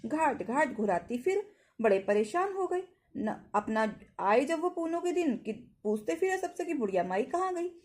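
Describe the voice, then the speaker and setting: A woman tells a devotional folk tale in a lilting, sing-song way, using homely village turns of phrase. Her voice sits high and soft, rising and falling a great deal. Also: very animated, unhurried. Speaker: devotional storyteller.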